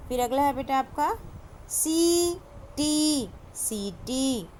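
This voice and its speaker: A woman's voice: a little high, lively intonation, slight background noise. A woman teaching a kindergarten Hindi class online, stretching out each word and checking in with the children. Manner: slow, drawn-out word-by-word pronunciation with frequent "है ना?".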